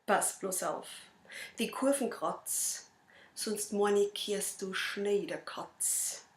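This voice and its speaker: A woman with a Bavarian accent, a cabaret performer reciting a dialect poem in a measured, rhythmic way. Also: medium pitch, reverberant. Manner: measured, rhythmic verse delivery.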